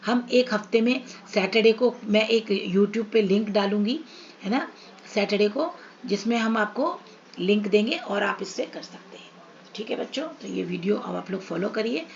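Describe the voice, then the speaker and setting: A woman's voice: mid-range voice, normal speed, gravelly, a little mellow, lo-fi sound, a little hiss or hum. A woman teaching English to children in an online lesson, asking questions and answering them herself.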